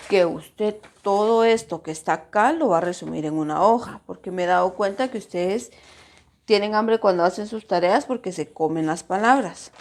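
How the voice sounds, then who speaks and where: A woman's voice: medium pitch, darkish tone. A woman teacher explaining a grammar lesson to her pupils, patiently stretching out syllables to show where the stress falls. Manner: addresses pupils directly.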